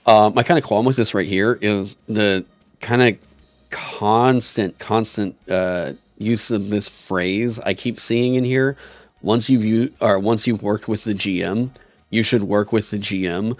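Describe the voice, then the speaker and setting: Low-voiced man in frank casual game chat. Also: steady tone, unhurried, no room sound. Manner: wry, frank, lots of fillers. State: hiccuping. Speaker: co-host reviewing a tabletop game. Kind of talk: casual podcast chat, reading rules aloud.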